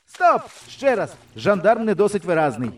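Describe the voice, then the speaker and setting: Fussy film director played by a man, high, jumpy voice, barking orders. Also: sing-song, normal speed, recorded from a distance. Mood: commanding. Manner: shouting commands, turning whiny.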